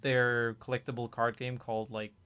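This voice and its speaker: A man's voice: medium pitch, level tone, normal speed, sharp tone, clear, resonant tone. A young man co-hosting a podcast in casual chat, rambling with fillers and laughing often. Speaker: podcast co-host.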